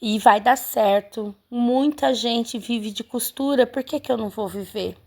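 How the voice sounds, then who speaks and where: Chatty woman with gravelly fry. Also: a little high, measured pace, darkish tone. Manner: chatty, keeps addressing viewers, many fillers. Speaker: home seamstress vlogger. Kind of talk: casual storytelling to viewers.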